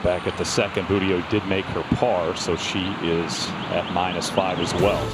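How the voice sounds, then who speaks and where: A man's voice: low voice, flat delivery, normal speed, very noisy. A man hosting a golf broadcast with live play-by-play commentary. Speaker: lead golf broadcast host.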